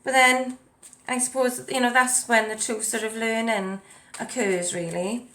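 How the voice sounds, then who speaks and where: Woman doing a chill tarot reading at home, slightly high voice, lots of um and you know. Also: steady tone, measured pace, fairly bright tone. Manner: chatty, many ums and you knows, reads card texts aloud. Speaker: tarot and oracle card reader. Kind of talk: casual spiritual card reading. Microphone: desk mic at a home setup with ring light.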